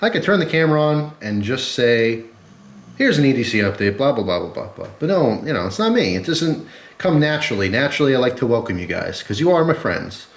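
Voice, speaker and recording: The host of a gear review vlog, sick with a cold and flu, chats informally to camera in a congested, stuffy-headed mid-range voice. He is very animated and fairly quick, rambling conversationally in an echoey, roomy recording.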